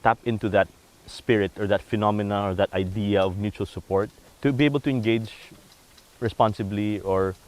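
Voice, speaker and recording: A man with a rather low voice who speaks politely and explains things at a steady, easy pace. He sounds like an architect walking people through a community project. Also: moderate pace. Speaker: architect and workshop facilitator. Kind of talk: documentary interview and community workshop.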